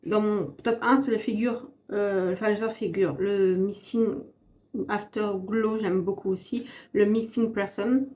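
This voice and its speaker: A woman's voice: mid-range voice, steady tone, unhurried, warm tone. A French woman vlogging a casual makeup and perfume review, chatty and rambling, often correcting herself. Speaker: beauty vlogger.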